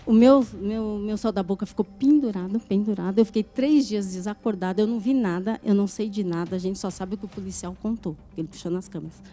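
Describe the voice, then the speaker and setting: A woman's voice: medium pitch, fast talker, few pauses, mellow. Earnest woman telling her testimony. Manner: earnest storyteller acting out quoted speech. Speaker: church member giving testimony. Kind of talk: emotional testimony.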